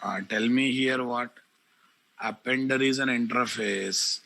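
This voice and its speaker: Bright-voiced man, Telugu Indian English accent. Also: medium pitch, steady tone, measured pace, creaky, poor audio. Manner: repeats phrases, addresses class directly. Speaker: programming teacher. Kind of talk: live online software lesson.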